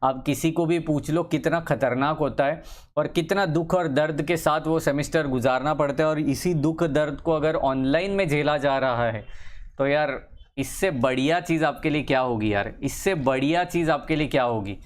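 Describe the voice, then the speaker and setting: Chatty male maths tutor, repetitive. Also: fairly high pitch. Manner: repeats phrases, drawls words slowly while writing; encouraging, chatty asides to students. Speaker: engineering maths teacher. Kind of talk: casual Hindi-English lecture.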